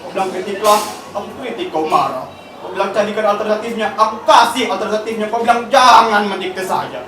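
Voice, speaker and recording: A man giving a dramatic poetry recitation at a contest, emphatic and rhetorical, swinging between loud lines and hushed questions. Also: sits high, brisk, a little hiss or hum. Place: large hall at a contest. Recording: echoey hall from far off with crowd.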